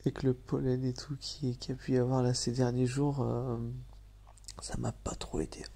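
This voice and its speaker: A man with a nasal, slightly hoarse voice, speaking softly and hesitantly in a whispered role-play. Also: medium pitch, little pitch movement, a little slow. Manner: hesitant, soft, apologetic, with many fillers and soft laughs.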